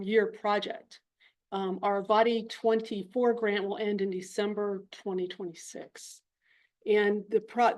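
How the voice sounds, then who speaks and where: A woman program director stands before a commission and presents an update. She explains figures patiently, one step at a time, and fills her pauses with ums and uhs. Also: medium pitch, darkish tone. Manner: explanatory, with frequent fillers. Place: public meeting room.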